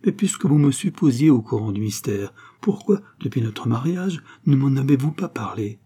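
A man's voice: mid-range voice, expressive, moderate pace, dark tone, slightly rough. A man reading the lines of a passionate, jealous young husband, eager and questioning.

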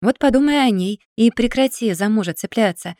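A woman's voice: on the high side, animated, brisk, a little mellow, dry recording, studio quality. A woman voicing a stern, patient older brother in an audiobook, talking firmly and lecturing. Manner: firm, lecturing.

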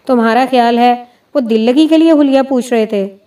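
A woman's voice: fairly high pitch, dark tone, close to an everyday voice. A woman voicing a blunt, impatient army major who talks curtly and presses hard, heard from a distant mic. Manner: curt, pressing.

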